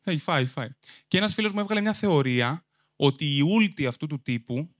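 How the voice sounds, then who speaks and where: Handheld mic in hand, a young Greek comedian and host spins a long tale for a live audience on a comedy stage and trades crude jabs with the crowd. His voice runs a little high and animated, with no room sound.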